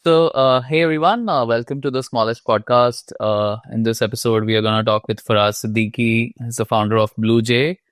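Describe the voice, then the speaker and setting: A man hosting a podcast interview, talking in a loose, halting way with many fillers. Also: mid-range voice, fairly even intonation, dry recording. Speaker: podcast host. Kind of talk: casual interview chat.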